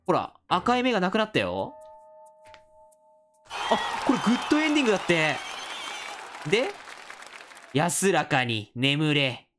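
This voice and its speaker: A woman's voice: mid-range voice, huge pitch swings, moderate pace, pauses often, soft background music, a faint crowd. A woman commentating a game, reading its text aloud and rallying the other players in a playful tone. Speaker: gaming channel host.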